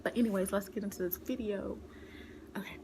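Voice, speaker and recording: A young woman talks to her viewers in a hushed, whispery voice, casual and chatty, sprinkling in y'all. There's a steady hiss of background noise behind her in a home recording. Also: mid-range voice, fairly quick. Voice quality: whispery, soft-spoken. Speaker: vlogger. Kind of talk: casual mukbang chat.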